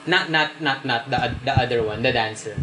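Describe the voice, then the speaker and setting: A woman's voice: a bass voice, moderate pace. A woman chatting casually as a podcast co-host. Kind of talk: casual chat. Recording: roomy echo, loud music behind.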